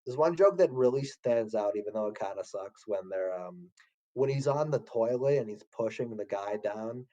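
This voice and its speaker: Casual young male co-host, mellow, a bit dull and lo-fi. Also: expressive, normal speed. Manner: loose, slangy, swearing, laughing at lowbrow jokes. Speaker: podcast co-host. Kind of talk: casual chat.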